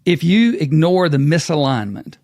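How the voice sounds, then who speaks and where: A man's voice: on the high side, sing-song, normal speed, darkish tone, no echo, clean studio sound. A middle-aged man, hosting a casual business talk and acting out quotes as a folksy storyteller. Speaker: podcast host.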